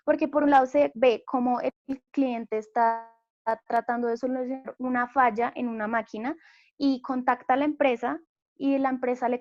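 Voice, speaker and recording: A young Colombian woman with a high voice gives a class presentation, explaining patiently and padding her sentences with small fillers. The sound is dry and close, on a dull, lo-fi recording. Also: a little mellow, dry recording. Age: young adult. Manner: explanatory, many fillers like eh and pues. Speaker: student presenter.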